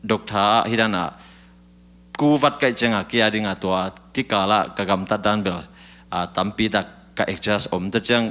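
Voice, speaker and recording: A man talks through a long story on a talk show, in an easy, chatty way with little fillers. His voice is bright and forceful, though a touch low in pitch. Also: steady tone, fairly quick. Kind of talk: casual talk-show conversation.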